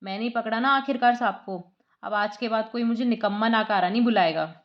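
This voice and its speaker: A woman's voice: fairly high pitch, fairly quick, highs cut off, natural voice. Boastful lazy male servant, read by a woman, swaggering, storybook.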